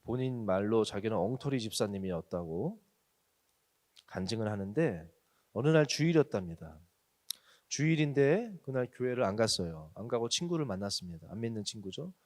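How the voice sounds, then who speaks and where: A man's voice: fairly low pitch, lively intonation, normal speed, a little mellow. A male pastor preaching to a young adults group, telling stories with acted quotes. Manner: storytelling testimony with acted quotes.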